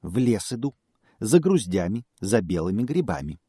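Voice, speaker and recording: A man's voice: on the low side, big pitch swings, moderate pace, warm tone, husky, dry recording, studio quality. Prickly storybook hedgehog, indignant and hissing, done by a man.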